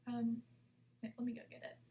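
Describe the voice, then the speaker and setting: A young woman telling an excited, dramatic storytime, often dropping into whispers. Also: fairly high pitch, fairly quick, a little hiss or hum. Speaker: vlogger. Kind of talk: storytime vlog.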